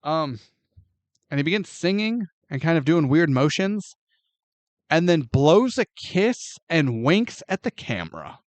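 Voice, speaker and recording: A man co-hosting a movie podcast, retelling a plot with mounting disbelief and plenty of swearing. His voice sits fairly high. The sound is dry and close, with no room around it. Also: unhurried, dry recording. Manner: animated, profane, incredulous plot recap. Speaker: podcast co-host. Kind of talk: casual movie review chat.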